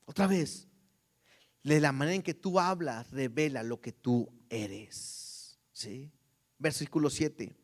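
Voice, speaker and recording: A man's voice: mid-range voice, slow pace, long pauses. A man preaching a conversational sermon as pastor, often checking in with the congregation.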